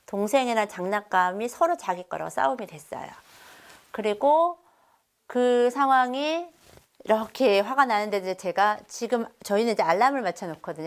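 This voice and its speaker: A middle-aged woman giving a parenting seminar lecture, telling stories from her own home and acting out what she and her children said. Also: medium pitch.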